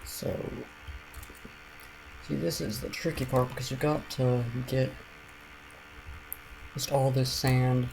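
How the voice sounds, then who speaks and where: A man streaming a building game, giving casual commentary and rambling aloud with frequent restarts and soft trailing mutters. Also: mid-range voice, flat delivery, takes it slowly, creaky, long pauses, background noise.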